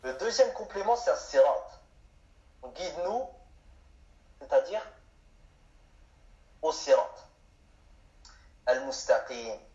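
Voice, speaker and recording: A man's voice: a little high, very animated, slow, pauses often, warm tone. Man teaching grammar in an echoey room. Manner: asks questions and answers them himself. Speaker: Arabic teacher. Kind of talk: explanatory lesson. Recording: echoey room, dull sound.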